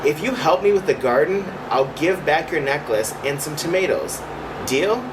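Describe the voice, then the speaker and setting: A man's voice: a little high, moderate pace, lightly acted. A man reading a picture book to young children, voicing an eager, kind young girl. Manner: lifted, expressive, questioning. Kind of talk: storybook read-aloud for young children. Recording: distant mic, clear background hum.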